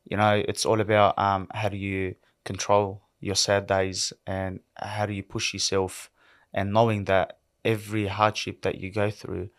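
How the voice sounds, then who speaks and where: A low-pitched man around thirty, from Lebanon, speaking as a podcast guest. He is earnest and reflective and keeps circling back with "you know" as he works through his thoughts. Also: completely flat delivery, measured pace. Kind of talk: candid interview talk.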